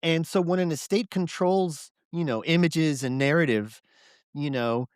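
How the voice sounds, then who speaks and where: A man hosting a podcast interview, asking measured questions with many "you know"s. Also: fairly high pitch, smooth, no room sound, studio quality. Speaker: podcast host.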